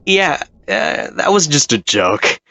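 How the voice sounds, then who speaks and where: A man's voice: a little high, very animated, slow pace, creaky, bright, forceful tone, slight background noise, voice pushed up, exaggerated voice. A man voicing an anxious, guilt-ridden trucker who sounds rattled and pleading in a horror story. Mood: nervous.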